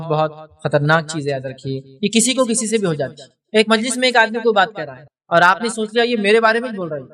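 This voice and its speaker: A man with a high voice delivers a storytelling sermon, acting out the people he quotes. He slows down for recited verses. He sounds a little distant from the microphone. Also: fairly bright tone. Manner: recites Arabic verses slowly. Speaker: Islamic preacher.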